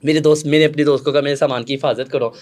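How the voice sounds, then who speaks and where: A young man from Pakistan with a Pakistani Urdu accent, telling stories dramatically as an interview guest, jumping between loud outbursts and hushed asides. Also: on the high side, fairly even intonation, very fast. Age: young adult. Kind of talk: casual interview storytelling.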